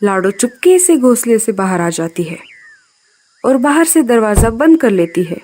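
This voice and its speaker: A woman narrating a scripted cartoon story in an expressive storytelling manner. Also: fairly high pitch, unhurried.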